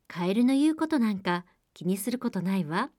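A woman's voice: mid-range voice, big pitch swings, fairly quick, warm tone, dry recording, studio quality. A woman voicing a spoiled young princess who talks haughtily and dismissively. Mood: haughty.

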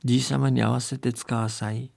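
A man's voice: mid-range voice, level tone, brisk, vocal fry, darkish tone, no room sound. A man doing a pleading fox girl. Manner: polite, pleading. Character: fox disguised as a pleading young bride.

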